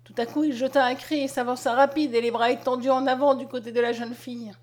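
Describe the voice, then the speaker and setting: A woman narrating a classic novel aloud in a steady, measured reading voice. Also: high-pitched. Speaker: audiobook reader. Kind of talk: storytelling narration.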